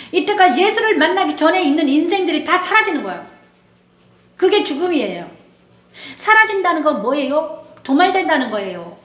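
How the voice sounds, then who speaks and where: A woman's voice: high-pitched, a bit bright. A woman pastor preaching a sermon, often turning to her listeners for agreement. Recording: echoey room.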